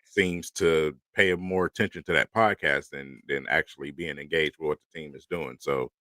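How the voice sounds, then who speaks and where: Man, sports panelist; very deep, forceful voice, emphatic and repetitive, dry sound. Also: moderate pace, no echo. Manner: emphatic, repeats points for stress. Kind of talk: casual sports roundtable chat.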